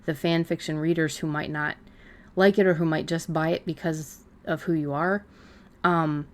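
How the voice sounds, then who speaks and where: A woman with a low-sitting voice and fairly even intonation talks at a normal speed. She's a fiction writer co-hosting a podcast, chatting casually in an informal, loosely rambling way.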